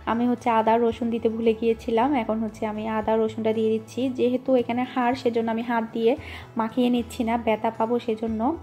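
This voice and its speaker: Over soft background music, a woman from Bangladesh narrates her home-kitchen cooking vlog, chatty and rambling with many fillers. Her high, mellow voice is flat in delivery and a little fast.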